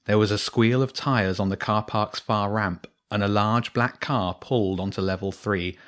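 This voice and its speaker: A man narrating a children's storybook in a steady, clear reading voice. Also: fairly low pitch, normal speed.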